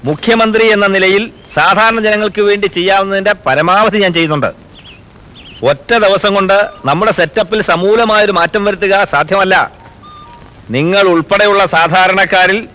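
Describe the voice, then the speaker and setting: An actor playing a principled middle-aged chief minister in a film drama, speaking in a measured, earnest, reassuring way. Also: male voice, mid-range voice, a bit bright, close to an everyday voice, low-quality recording. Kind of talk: 1990s film drama dialogue.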